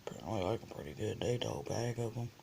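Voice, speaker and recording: Casual snack reviewer, heavy vocal fry, slow halting delivery, noisy recording with crinkling and clicks. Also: medium pitch, expressive, warm tone. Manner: halting, reads item by item with pauses.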